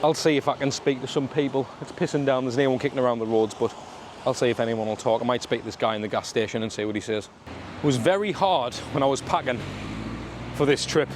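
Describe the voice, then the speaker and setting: A man's voice: mid-range voice, quick pace. Sunderland man vlogging over street noise. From Sunderland, north-east England. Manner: colloquial, matey, full of regional slang. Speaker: travel vlogger. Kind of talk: casual walking vlog chat to camera. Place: outdoors on a suburban street in the rain. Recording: outdoor street and traffic noise.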